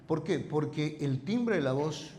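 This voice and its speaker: Spanish-speaking pastor preaching in an echoey church. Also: male voice, on the high side, lively intonation, unhurried, mellow, slight background noise. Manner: conversational preaching with frequent rhetorical tags; voice teacher, careful about vocal timbre. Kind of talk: sermon. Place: church hall.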